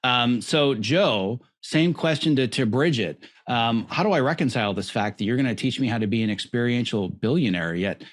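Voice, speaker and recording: A man hosting an interview podcast, giving an effusive, lively introduction of his guests. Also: mid-range voice, moderate pace, hardly any pauses. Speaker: podcast host.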